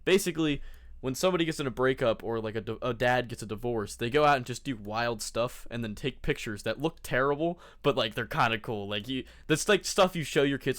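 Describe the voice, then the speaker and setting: Bright-voiced man telling a casual story. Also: medium pitch, clean tone, no room sound, clean studio sound. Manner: laid-back, jokey, informal slang. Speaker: vlogger narrating a caving trip.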